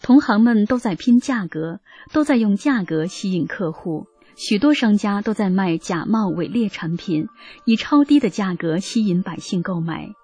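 A woman radio host reading a first-person story aloud in an earnest, even scripted narration. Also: medium pitch, moderate pace, breathy edge, soft background music.

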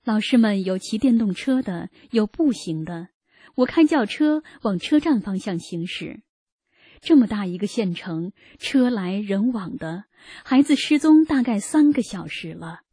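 Earnest woman narrator with a warm, mellow tone, reading a personal testimony. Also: mid-range voice, expressive, measured pace, husky, no room sound, clean studio sound. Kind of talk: read first-person narration.

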